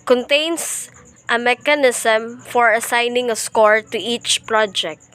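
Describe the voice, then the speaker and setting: A young woman from the Philippines reading a class report aloud, slowly and carefully, with small slips and restarts. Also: on the high side, fairly bright tone, clear, resonant tone. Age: young adult. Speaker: student presenter.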